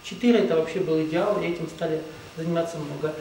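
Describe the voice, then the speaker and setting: A man with a fairly high, mellow voice talks quickly, with a faint hiss or hum in the audio. He's a spiritual teacher delivering a rambling, emphatic lecture, often repeating "ну, допустим" ("well, let's say"). The mic is distant and the room echoes.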